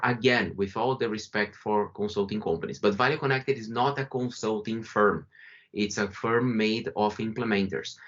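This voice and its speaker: A Brazilian man with a Brazilian accent presents a conversational webinar over a video call, frequently restarting and correcting himself. His voice sits on the low side with a fairly bright tone. He's calling remotely from home or an office, and the video call microphone gives the audio a muffled quality.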